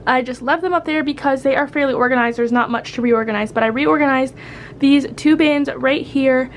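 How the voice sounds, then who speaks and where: A young woman vlogger with a head cold and stuffy voice chats casually to camera in her home kitchen about organizing it, sounding upbeat and friendly. Her voice is high and brisk, with a little hiss or hum.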